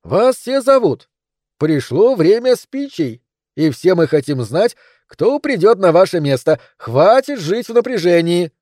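An eager, keyed-up lieutenant, put on by a male reader, calls out in a high, drawn-out voice. The recording is dry and close. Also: sing-song, a little mellow, no echo, exaggerated voice.

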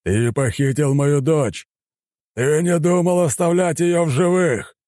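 A man voicing a furious, ruthless admiral who speaks slowly and thunders his words in an audiobook. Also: mid-range voice, warm tone, dry recording, clean studio sound, voice pushed up, natural voice. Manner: slow, thundering, drawn-out delivery. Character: furious aging male admiral, booming and ruthless.

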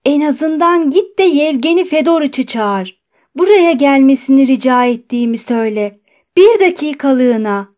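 A woman reading the part of a frightened aging doctor, his voice pushed high and shaky as he begs to be let out. He sounds strained and loud, close to breaking, in a storybook reading. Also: lively intonation, normal speed. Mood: desperate pleading.

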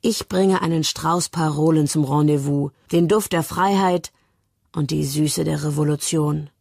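A fiery young man who lectures with lofty defiance, voiced by a woman reading aloud. The tone is gravelly and husky, and the pitch sits low for the reader. It is heard close and dry, with no room sound. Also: fairly even intonation, unhurried, a little mellow, dry recording, full character voice. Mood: earnest. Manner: heated, declamatory.

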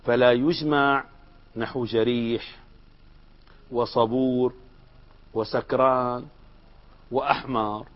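A man teaching a classroom grammar lesson, explaining lively and asking his students questions. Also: medium pitch, slow, long pauses, lo-fi sound.

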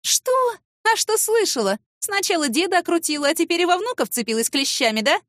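A woman's voice: extremely high pitch, very animated, fairly quick, a bit bright, no echo, clean studio sound, pitched above the performer's own voice, full character voice. A woman voicing a spiteful, catty young female office rival who sneers and hurls accusations.

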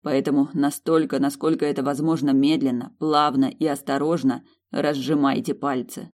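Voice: mid-range voice, flat delivery, normal speed, darkish tone, close to an everyday voice. A reader voicing a stern vampire man who gives firm orders and curses under pressure. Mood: strained command.

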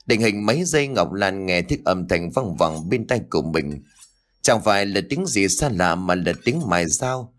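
A man with a very low voice reads a horror audiobook. His delivery is dramatic and suspenseful, with a lot of rise and fall in pitch. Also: animated, normal speed, fairly bright tone. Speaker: audiobook narrator. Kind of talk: scripted horror story narration.

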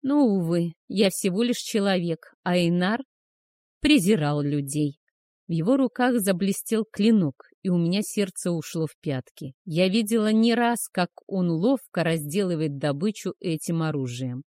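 Soft-voiced woman reading a romance. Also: on the low side, animated, moderate pace, dry recording, studio quality. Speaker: audiobook narrator. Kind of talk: first-person romance fantasy reading.

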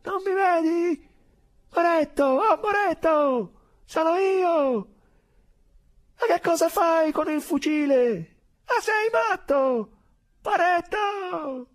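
A panicked young soldier. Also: male voice, expressive, slow pace, long pauses, heavily acted. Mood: desperate. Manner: shouting, frantic and high. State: crying out in panic. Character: young male soldier, desperate and pleading.

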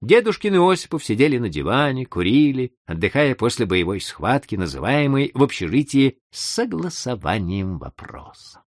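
A man narrating a classic short story aloud in a lively, theatrical audiobook reading. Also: mid-range voice, normal speed, few pauses, no room sound, clean studio sound.

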